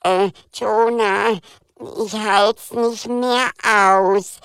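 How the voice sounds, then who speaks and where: A woman voicing a childlike friend in an audiobook, speaking in a very slow, drawn-out high voice. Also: fairly even intonation, a bit bright, smooth, dry recording. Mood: pleading. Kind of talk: audiobook character voice.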